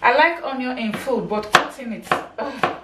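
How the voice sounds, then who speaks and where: With a high voice at a moderate pace, a woman in her thirties chats through her cooking at home. As a cooking vlogger, she talks while chopping and cooking. The recording comes from a camera mic across the kitchen, so it's echoey and distant with background noise.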